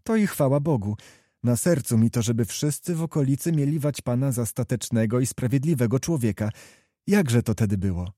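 A man's voice: medium pitch, expressive, a little fast, dark tone, no room sound, studio quality, close to an everyday voice. A man reading a novel aloud, voicing a proud, principled young noblewoman in a reproachful, earnest way. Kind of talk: audiobook character reading.

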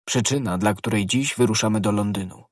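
A man voicing a bold, knowing young guardsman who speaks briskly and gives orders, in a husky voice. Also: on the low side, no room sound, studio quality, natural voice.

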